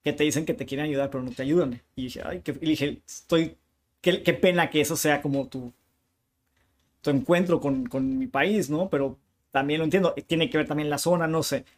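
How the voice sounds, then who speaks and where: A man's voice: a little high, moderate pace. A man from Tijuana with a northern Mexican accent, a bookshop owner telling stories in a casual interview with slangy asides. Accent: northern Mexican Spanish. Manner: lively storyteller with slangy asides.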